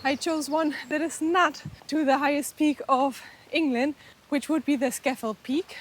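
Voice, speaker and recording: A woman's voice: high-pitched, steady tone, unhurried, slight background noise. A young woman with a way of talking, chatting eagerly to the camera while hiking outdoors, a little out of breath. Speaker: travel vlogger. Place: outdoors on a mountain hike.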